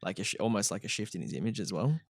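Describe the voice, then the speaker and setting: Low-voiced man, easygoing podcast co-host. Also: expressive, no echo, studio quality. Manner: easygoing, halting, self-deprecating. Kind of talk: casual chat.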